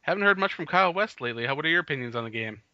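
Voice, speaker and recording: A man's voice: fairly high pitch, expressive, racing, bright, forceful tone, no room sound. A man co-hosting a casual sports podcast, leading the talk and laughing often. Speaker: podcast co-host. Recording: dull lo-fi podcast audio.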